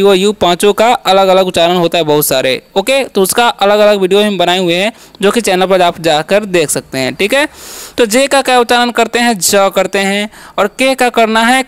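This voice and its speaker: Man, very high voice, smooth resonant tone, teacher drilling pronunciation, asks and answers own questions. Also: fairly bright tone. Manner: frequent "ठीक है" and "okay" check-ins. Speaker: English teacher. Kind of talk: classroom-style lesson.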